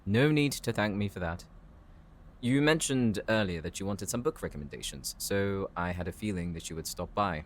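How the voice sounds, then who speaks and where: A man performs a bookish professor in an audio roleplay with a low voice. He is polite, composed and formal, addressing the listener considerately. Faint ambient noise sits behind him. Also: animated, moderate pace. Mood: courteous, helpful. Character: courteous, bookish male professor, calm and considerate.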